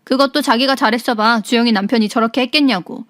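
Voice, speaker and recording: A woman's voice: fairly high pitch, fast, a bit bright, dry recording, studio quality, lightly acted. A woman voicing a short-tempered young husband who talks in a curt, scolding way. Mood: angry.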